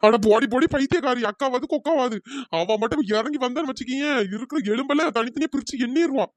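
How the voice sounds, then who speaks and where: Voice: high-pitched, quick pace, no echo, natural voice. A performer voicing a scared cheating husband in a cartoon, panicky and wailing. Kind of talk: cartoon comedy voice acting.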